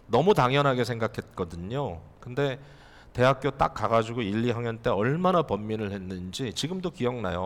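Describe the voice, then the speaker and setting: A male pastor delivers a sermon with an animated, rising and falling voice, speaking directly to his congregation and posing rhetorical questions. His voice rings out with a long reverb, as in a church hall. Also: medium pitch.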